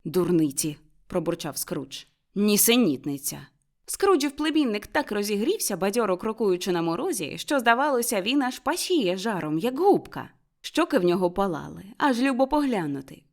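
A woman narrating an audiobook as an expressive storyteller. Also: medium pitch, brisk. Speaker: audiobook reader.

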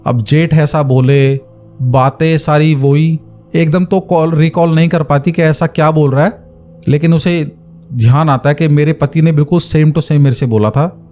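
A man's voice: on the high side, steady tone, measured pace, dark tone, faint music behind. A man narrating a horror story in a casual, conversational way, stopping to explain with asides.

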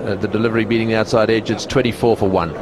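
A man giving live TV cricket commentary, excitable and exclaiming at near misses. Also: lowish voice, very fast. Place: commentary box at a cricket ground. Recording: broadcast with loud crowd and noise.

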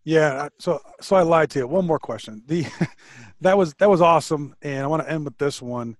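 A man hosting an interview on a video call through a headset microphone, asking slow, deliberate questions. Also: a little high, dry recording. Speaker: podcast host. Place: home studio, video call.

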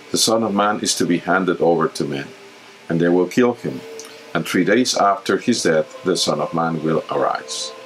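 Middle-aged male deacon, low voice, earnest measured homily, webcam in small chapel, faint hiss. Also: fairly bright tone, poor audio. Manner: earnest, measured, with halting restarts. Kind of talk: gospel reading and homily. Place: small home chapel room with icons.

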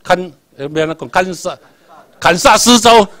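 Speaking unhurriedly in a high, slightly bright voice, this man has a Taiwanese Hokkien accent and an echo-free sound. He teaches by repetition, tests the class with questions, and spells English letters aloud.

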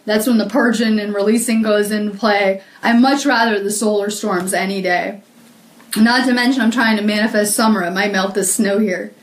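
A woman's voice: on the high side, echoey room. A woman healer talking casually to viewers on a live video, earnest and rambling with many ums and frequent laughs.

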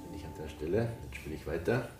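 An older ukulele teacher from Tyrol, Austria, gives a calm, relaxed step-by-step lesson, counting in and explaining slowly in an extremely low voice. A distant camera mic records him in an echoey wood-paneled room, his voice sounding far off over loud ukulele music.

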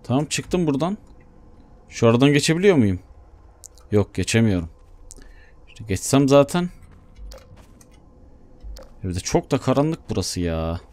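Chatty gamer talking to himself. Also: male voice, mid-range voice, measured pace, long pauses. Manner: chatty, talks to himself while playing, bursts into excited shouts. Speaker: gaming YouTuber. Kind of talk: Let's Play commentary.

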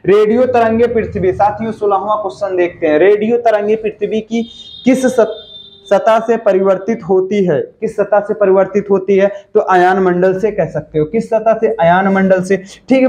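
A man leads an online revision class, reading out each quiz question and then hammering the answer home twice. His voice sits high, and his tone stays informal and coaxing, like a coach pushing students through a drill. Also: darkish tone.

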